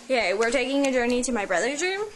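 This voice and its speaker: A woman's voice: on the high side, sing-song, quick pace, background noise. A young woman chatting casually and teasingly into a handheld camera at home late at night. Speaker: video blogger. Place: at home, indoors. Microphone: handheld camera mic.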